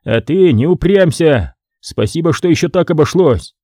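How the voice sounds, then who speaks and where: A harsh tax scribe from old times, stern and mocking, his voice raised high and loud above the reader's own, as a man puts him on. The tone is dark and mellow, with a lively swing in pitch. The recording is close and dry, as in an audiobook. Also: normal speed, no room sound.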